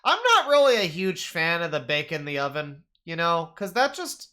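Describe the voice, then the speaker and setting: A man streaming profane reaction commentary on a cooking video, jumping from loud outbursts to mumbled asides and stammering as he riffs. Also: on the high side, big pitch swings, moderate pace. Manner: stammers and restarts while riffing.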